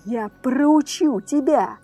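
Woman doing a furious old sea king of a fairy tale, drawn-out menacing speech, slightly high voice. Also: soft background music. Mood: wrathful. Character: wrathful old male sea king, roaring.

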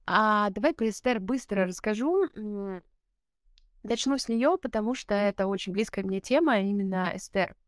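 A woman in her twenties, appearing as an interview guest, talks reflectively in casual conversation with many fillers and restarts. Her mid-range voice moves at a moderate pace, recorded in studio quality with no echo.

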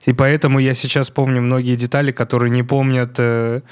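A man's voice: medium pitch, flat delivery, fairly quick, smooth, no room sound, studio quality. Male podcast guest, mid-range voice, loose slangy chat with hesitant phrasing.

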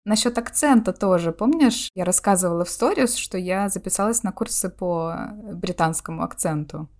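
A woman's voice: lowish voice, moderate pace, darkish tone. A young adult woman co-hosting a podcast, chatting casually and thinking aloud, with light laughter between phrases. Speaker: podcast co-host.

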